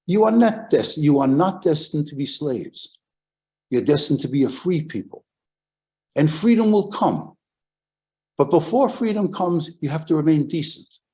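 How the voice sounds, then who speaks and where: An older American man giving a public history lecture as a professor, emphatic and animated, with rhetorical questions and repeated phrases. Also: medium pitch.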